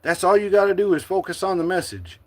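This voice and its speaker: A middle-aged man from the United States speaking to his livestream viewers in a forceful, defiant, preachy monologue. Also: sits high, sing-song, fast talker. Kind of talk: impassioned live-stream monologue.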